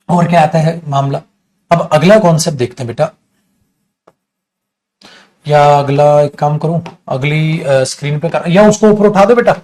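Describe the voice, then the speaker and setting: A male teacher giving an animated grammar lecture to a class, talking fondly to his students and using dramatic emphasis. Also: fairly high pitch. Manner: animated, addresses students as beta, dramatic pauses.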